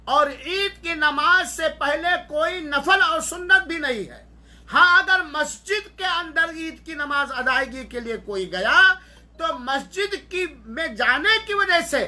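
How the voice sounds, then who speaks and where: Male religious teacher, clear bright tone, methodical and explanatory delivery. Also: very high-pitched. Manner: measured, explanatory, step by step. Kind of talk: instructional religious talk.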